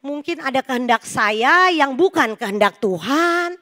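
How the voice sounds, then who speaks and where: A middle-aged woman preaching a sermon at a church service, telling stories in a lively, joking way and talking directly to the congregation. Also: sits high, measured pace.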